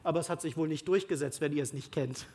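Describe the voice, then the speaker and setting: A speaker reading scripture aloud slowly and with emphasis, breaking off for casual explanatory asides to listeners. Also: mid-range voice, darkish tone, slightly rough. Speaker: Bible teacher. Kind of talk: Bible reading with commentary.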